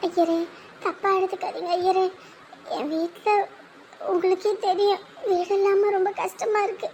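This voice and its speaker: A woman voicing a nagging, sharp-tongued old mother-in-law in an animated drama, who scolds and later pleads. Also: very high voice, moderate pace, slight background noise. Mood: pleading.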